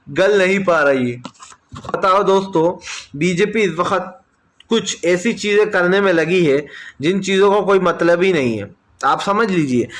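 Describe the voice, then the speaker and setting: A man's voice: sits high, a bit bright. A man delivering opinionated political news commentary, addressing viewers directly as friends in an argumentative, insistent way.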